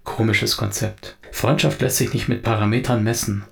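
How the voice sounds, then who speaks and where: A man narrating a scripted story dramatically and briskly. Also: lowish voice, fairly even intonation, gravelly, soft background music.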